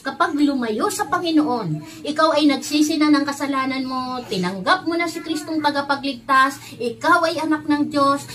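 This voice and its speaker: High-voiced woman telling a children's Bible story. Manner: animated, addresses the children directly, acts out the characters' lines. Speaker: Sunday school teacher.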